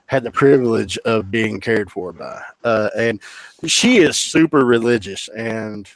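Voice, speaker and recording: Low-voiced man telling his story bluntly. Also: measured pace, no room sound. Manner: blunt, profane, earnest storytelling. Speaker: podcast guest. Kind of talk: casual storytelling interview.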